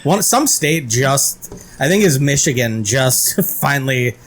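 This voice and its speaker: A man's voice: medium pitch, lively intonation, a little slow. A man co-hosting a casual podcast, cracking dry, crude jokes. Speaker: podcast co-host. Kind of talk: casual drinking-podcast chat.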